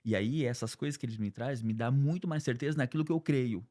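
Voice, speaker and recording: A man with a Brazilian accent hosts a podcast in a casual, conversational way. His voice sits at an ordinary pitch for a man and has a warm, mellow tone. He shares his own stories and chimes in with quick agreement. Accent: Brazilian Portuguese. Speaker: podcast host. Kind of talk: casual interview chat.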